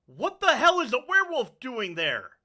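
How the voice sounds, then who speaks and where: A man voicing an excitable, gullible cultist henchman who calls out loudly in a tabletop game. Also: very high-pitched, normal speed, pitched above the performer's own voice, full character voice. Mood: startled. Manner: yelling, eager.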